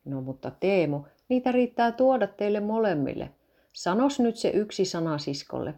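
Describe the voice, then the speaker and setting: A woman reading a patient father of two small children, with a gently coaxing manner. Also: medium pitch, expressive, natural voice.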